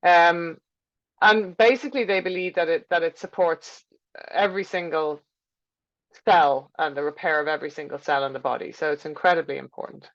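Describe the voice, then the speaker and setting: Lady teaching a class kinda chatty, on the low side, thinks out loud, sound a bit dull. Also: fairly even intonation, normal speed. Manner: chatty, thinking aloud, explanatory. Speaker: teacher presenting a health class. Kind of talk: informal lecture with slides.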